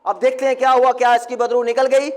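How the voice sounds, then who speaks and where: A man preaching a sermon as pastor, quizzing his congregation and having them call the answers back, at times breaking into shouts. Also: very high voice, little pitch movement. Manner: bursts into shouting.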